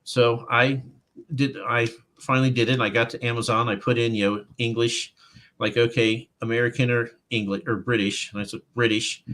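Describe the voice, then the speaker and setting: Male author guest, medium pitch, storyteller who acts out the quotes. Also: moderate pace. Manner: animated anecdote-telling, acting out quotes. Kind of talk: casual interview storytelling.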